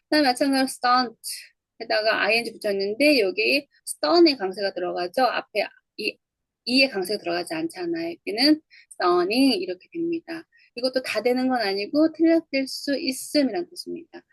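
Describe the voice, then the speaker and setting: A woman's voice: fairly high pitch, expressive, moderate pace, creaky, no room sound, rough recording. A woman teaching an English phonology lesson, explaining step by step and repeating example words for her student to drill. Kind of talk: online lecture on English phonology.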